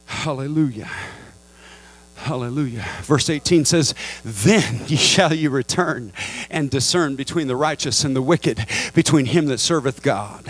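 A middle-aged male pastor preaching a Pentecostal sermon into a handheld mic, swinging from low, measured talk to high, fervent appeals and calling on the congregation to respond. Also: husky. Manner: asks the crowd for response. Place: large church sanctuary with a congregation. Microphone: handheld microphone.

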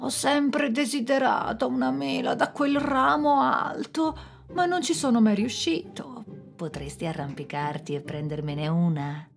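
A woman's voice: high voice, fairly even intonation, unhurried, vocal fry, soft background music, voice pushed up. A woman voicing a sly, hard-drinking trickster man who coaxes and bargains in a storybook tale. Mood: wheedling. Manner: coaxing, wheedling.

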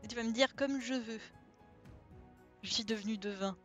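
A woman streamer reading a storybook aloud and chatting casually with viewers, relaxed and thinking aloud with many fillers. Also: a little high, moderate pace. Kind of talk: casual live-stream chat and read-aloud. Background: faint background music.

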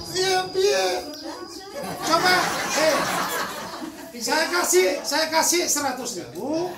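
Loud older man from Madura, crowd around. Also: extremely high pitch. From Madura, Indonesia. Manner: loud, forceful, joking with the audience. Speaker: healer speaking at a charity event. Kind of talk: addressing a crowd. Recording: echoey, distant mic with crowd noise.

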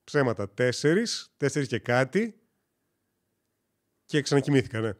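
A man's voice: mid-range voice, sing-song. A man from Greece chatting casually on a gaming live stream, rambling and joking as he tells stories and corrects himself.

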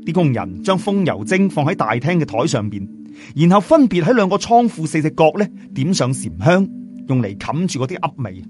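A male audiobook storyteller with a southern Chinese, Cantonese accent narrates a scripted story in an animated, colloquial way, his intonation swooping over background music. His voice is a little high and fairly quick, in the expressive manner of a traditional storyteller.

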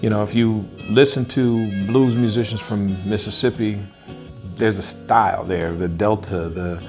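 Middle-aged male musician, low-ish voice, easygoing and reflective interview delivery, guitar music bed behind. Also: fairly even intonation. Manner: thoughtful, unhurried, many filler pauses. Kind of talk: relaxed interview talk. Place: indoors, wood-paneled room, seated at a table.

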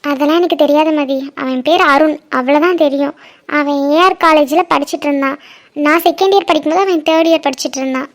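Brief: young mother-to-be in a cartoon drama voiced by a woman, high, earnest, hurt. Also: fast talker. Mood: plain. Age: young adult. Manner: earnest, hurt, steadily explaining. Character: young pregnant woman, abandoned by her lover.

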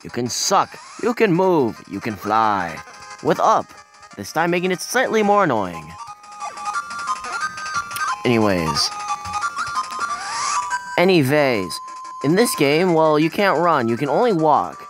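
A man's voice: fairly high pitch, wildly swooping pitch, normal speed, a bit bright, faint music behind. A young man rambling through casual let's play commentary, full of fillers and restarts. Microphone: phone recording.

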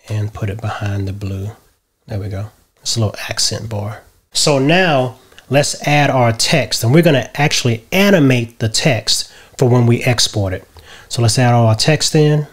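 A middle-aged man explaining a software tutorial step by step from a home office, often checking in with "right?". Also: medium pitch, a little slow. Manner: relaxed step-by-step explaining, tags lines with "right?". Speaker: tutorial host. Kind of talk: screen-share software tutorial.

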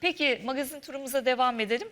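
A woman's voice: high voice, rapid-fire, in a large hall, slight background noise. A woman co-hosting a studio talk show, handing out compliments and asking guests questions. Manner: warmly complimenting, expressive. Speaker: co-host. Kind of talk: casual studio chat.

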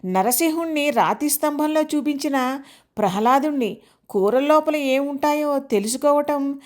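A man's voice: very high voice, normal speed. A woman doing a jovial older husband. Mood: playful. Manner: jovial, teasing. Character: cheerful older husband, playful teaser.

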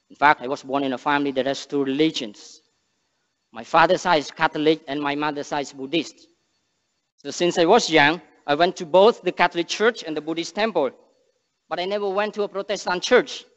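Preaching a sermon with prayer, a young Cambodian missionary speaks earnest, halting English, restarting phrases and rising hard on key words. His voice is high for a man and fairly bright, and it echoes with long reverb off a big sanctuary stage, sounding muffled.

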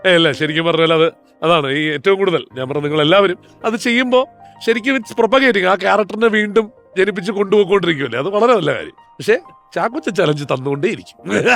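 A man's voice: high-pitched, brisk, creaky, a bit bright, soft background music. A man hosting a stage talk show, chatting enthusiastically and rambling, mixing in English words. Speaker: host. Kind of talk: casual chat on a stage show.

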